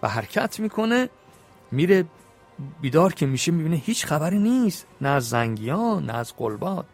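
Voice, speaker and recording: A man storyteller who recites epic verse slowly and then retells it in plain, chatty speech. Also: fairly high pitch, big pitch swings, faint music behind. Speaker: storyteller reading an epic poem.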